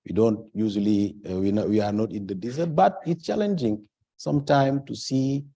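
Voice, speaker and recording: A man from Senegal speaking on a conference panel, halting at times as he searches for words and stressing his key points. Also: fairly low pitch, warm tone.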